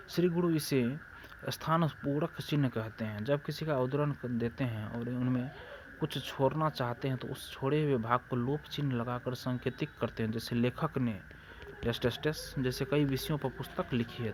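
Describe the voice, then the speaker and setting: A man's voice: medium pitch, darkish tone, slight background noise. A man with a Bihari Hindi accent teaching an exam-prep grammar lesson, asking and answering his own questions as he goes. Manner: repetitive, asks and answers own questions, keeps addressing friends.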